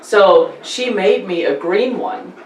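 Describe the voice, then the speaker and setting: A man from Germany with a German accent, hosting a casual interview and talking in an animated, chatty way with many repeated words. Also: sits high, takes it slowly, slight background noise. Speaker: podcast host. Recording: roomy distant mic with faint ambience.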